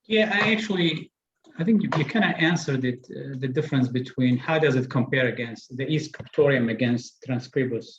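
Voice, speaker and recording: A man's voice: medium pitch, brisk, muffled recording, a little hiss or hum. A man asking a follow-up question in an online Q&A, hesitant and full of fillers, speaking over a video call.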